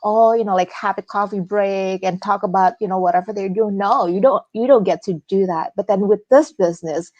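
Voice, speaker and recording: Woman guest, earnest and halting, mid-pitched, dry close sound. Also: darkish tone, no room sound, highs cut off. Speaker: interview guest, small business owner. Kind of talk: casual live interview.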